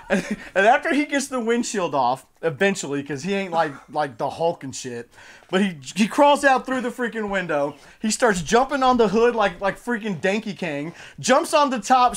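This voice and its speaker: A man casually retelling a road-trip story, animated and profane, often laughing. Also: high-pitched, moderate pace. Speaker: show regular.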